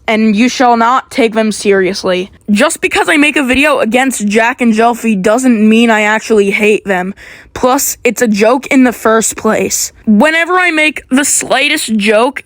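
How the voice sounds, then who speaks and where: A woman's voice: a little high, no echo. A woman giving a defensive, explanatory response to criticism in an apology video.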